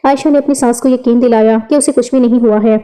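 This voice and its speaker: A woman narrating a scripted emotional story in a steady storytelling manner. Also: a little high, clear, resonant tone, rough recording.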